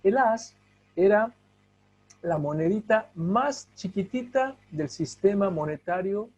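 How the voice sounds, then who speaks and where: A man teaching a Bible lesson, emphatic, with rhetorical questions and drawn-out stressed words. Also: high-pitched, lively intonation, darkish tone, lo-fi sound, slight background noise. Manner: asks the class to help read.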